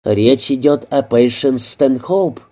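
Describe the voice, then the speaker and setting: Brief: male narrator playing an anxious woman partner for an audiobook, slightly raised and slowed delivery, dark mellow timbre. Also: medium pitch. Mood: worried. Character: worried, sharp-tongued woman with accent.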